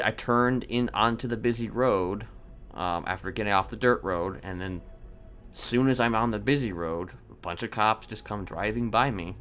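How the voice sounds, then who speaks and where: Playing a casually sadistic criminal who rambles through confessions of his violence, this male streamer speaks in a lowish, somewhat bright voice. The improvised online roleplay comes out halting and matter-of-fact, peppered with casual swearing, over clear background noise.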